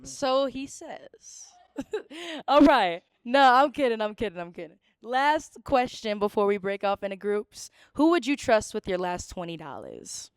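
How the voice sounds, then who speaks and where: A woman's voice: on the high side, sing-song, a little slow, no echo, clean studio sound. A woman hosting a casual podcast interview, teasing her guests and laughing often. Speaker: podcast host.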